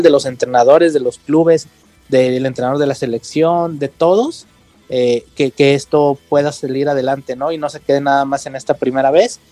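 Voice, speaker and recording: A man's voice: on the high side, dark tone, no echo. A man, a podcast guest talking casually and hesitantly, full of fillers. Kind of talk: casual interview chat.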